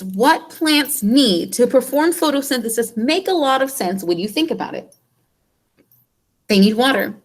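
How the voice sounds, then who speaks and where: A woman biology teacher giving an exam review lesson. She explains step by step, asks rhetorical questions and patiently repeats the key points. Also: on the high side.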